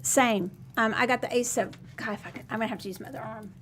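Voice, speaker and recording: A woman co-hosting a casual live chat and giving tarot readings, talking in quick restarts and laughing easily. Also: on the high side, fairly even intonation, fairly bright tone, slight background noise. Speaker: co-host and tarot reader.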